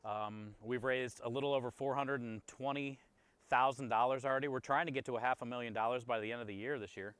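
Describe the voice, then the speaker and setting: A man's voice: mid-range voice, fairly even intonation, fast talker, fairly bright tone, smooth, no room sound. A man chatting casually to livestream viewers as a chef and host, in a friendly, appreciative and conversational way. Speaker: food truck chef and streamer.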